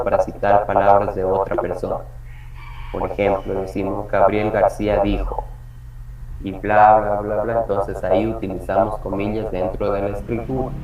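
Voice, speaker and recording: A man teaching a reading workshop lesson on punctuation, explaining step by step and slowing down for examples. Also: lowish voice. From Ecuador. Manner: explanatory, slows for examples, frequent restarts. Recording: echoey room, distant mic, dull sound, crowd.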